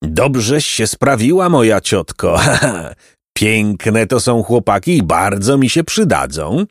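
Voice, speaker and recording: A man's voice: lowish voice, big pitch swings, takes it slowly, no room sound, clean studio sound, heavily acted. A man voicing a huge male monster who fawns and then menaces, with a screeching, neighing voice. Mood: gloating.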